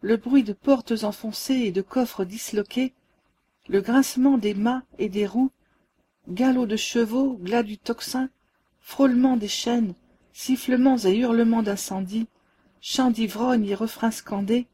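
Woman reading a ghost story, mellow and a bit husky, fairly high voice. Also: a little slow. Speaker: audiobook reader. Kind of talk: scripted narration.

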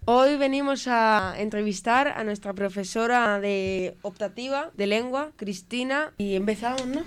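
A woman's voice: on the high side, measured pace, clear, resonant tone. A woman acting as a student interviewer, reading out her questions plainly on school radio.

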